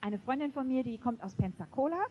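A woman preaching a sermon to a congregation, emphatic and lively, often laughing. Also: high-pitched, fast talker, narrow, tinny audio, slight background noise. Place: church before a congregation.

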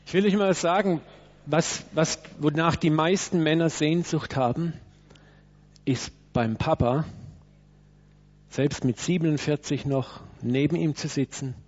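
Delivering an emphatic church sermon, this preacher acts out quotations and makes direct asides to his listeners in the room. His voice is on the high side and a little mellow, at a measured pace, captured on a dull, lo-fi recording.

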